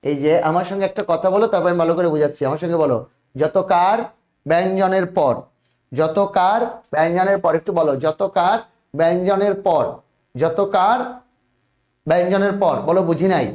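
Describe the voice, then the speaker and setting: High-voiced man teaching spelling, echoey. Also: a little mellow. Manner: drills students, repeats words, urges quick answers. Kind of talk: online spelling lesson.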